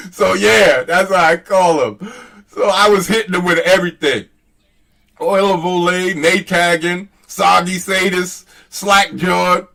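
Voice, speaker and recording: A man's voice: sits high, fairly even intonation, takes it slowly, creaky, sharp tone, recorded from a distance. A man hosts a casual, rambling commentary on online exchanges in a mocking, profane manner. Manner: mocking, profane, chuckling at his own jabs. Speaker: host.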